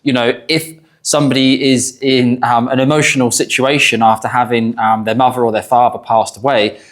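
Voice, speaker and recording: A middle-aged man hosts a conversational financial discussion. His voice sits at an ordinary mid pitch, and he talks like an adviser explaining things to an audience. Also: little pitch movement, moderate pace.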